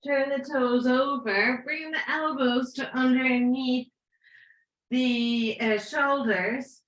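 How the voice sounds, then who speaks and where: A woman leading a live yoga class with playful, encouraging cues and breath counts, her voice going hoarse. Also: sits high, steady tone, slow pace, fairly bright tone, dull audio. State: losing her voice. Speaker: yoga teacher. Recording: echoey room.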